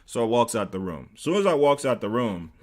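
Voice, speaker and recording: A man's voice: mid-range voice, sing-song, fairly quick, darkish tone. An American man streaming, loosely retelling a story with many fillers. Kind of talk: casual storytelling.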